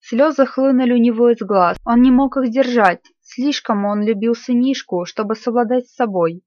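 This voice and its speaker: A woman's voice: a little high, no room sound. Woman narrating a classic story. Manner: measured, expressive reading. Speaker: audiobook narrator. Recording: slightly muffled dry recording.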